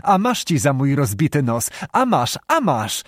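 A man's voice: mid-range voice, very animated, unhurried, no room sound. Playful young girl, as a male reader puts her on, pert, lifted voice, dry recording. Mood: teasing. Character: lively teasing young peasant girl, fifteen.

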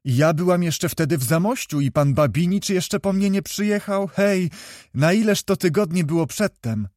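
A man voicing a lively, chatty young noblewoman in a read storybook, talking quickly like a chirping bird. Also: high-pitched, no echo, studio quality, voice pushed up. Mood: chirpy.

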